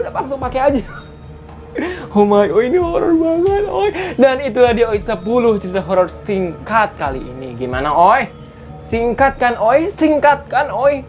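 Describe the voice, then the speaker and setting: A woman reading short horror stories aloud and chatting about each one, full of exclamations and laughter. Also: fairly high pitch. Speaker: horror story YouTuber.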